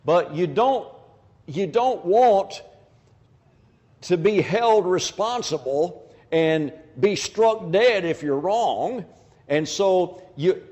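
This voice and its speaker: A man delivers a sermon at an unhurried pace, his pitch rising and falling widely as he acts out imagined exchanges. His voice sits a little higher than most men's. The sound carries a long, echoing hall reverb. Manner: animated, acts out imagined dialogues. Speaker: preacher.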